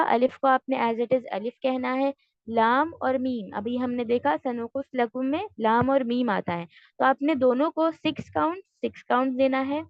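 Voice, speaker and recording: High-voiced woman teaching a class. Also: no echo, muffled recording. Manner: patient, explains step by step, mixes English terms. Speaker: Tajweed teacher. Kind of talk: online class lecture.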